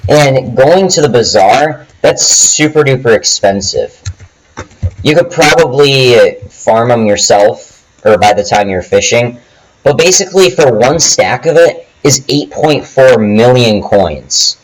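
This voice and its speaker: A man casually hosting a game tutorial, chatting with ums and restarts, recorded on a cheap low-quality headset microphone at home. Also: expressive, measured pace. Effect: low quality microphone audio. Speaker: gaming video host. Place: home, dogs nearby.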